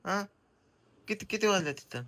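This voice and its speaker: A young man, a comedian vlogger who is a husband and father, scolds and teases his wife in a comic family vlog, loud and bossy. His voice is high-pitched and animated, at a moderate pace.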